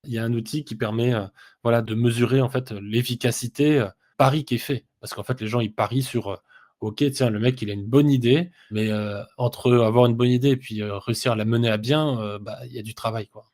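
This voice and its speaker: A business software consultant co-hosts a casual business podcast, explaining things in a steady, mid-range voice with a darkish tone. He sounds hesitant, pausing often and filling gaps with many "heu" sounds.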